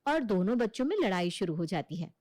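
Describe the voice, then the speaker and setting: A woman's voice: medium pitch, sing-song, quick pace, darkish tone, no room sound, studio quality. A woman narrating a scripted cartoon moral story.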